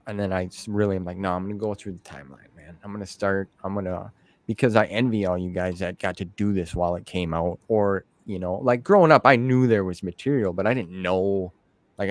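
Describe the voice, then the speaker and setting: A man with a low voice hosts a casual interview, talking at a brisk clip in a dry recording. His chat is informal and rambling, full of slang like "man" and "dude."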